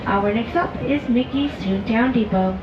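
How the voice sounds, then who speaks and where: A woman's fairly high voice comes through a train PA loudspeaker, echoey and heard from a distance. The sound is dull and muffled, with steady background noise. She makes informal live safety announcements as conductor. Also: a little slow. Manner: friendly, informal, with fillers and restarts. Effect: heard over a train PA loudspeaker. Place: open-air train carriage.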